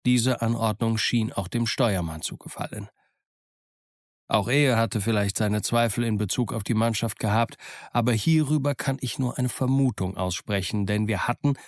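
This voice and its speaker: Guy reading an audiobook, steady narration, dry close sound. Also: on the low side, no room sound. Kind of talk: scripted narration of a novel.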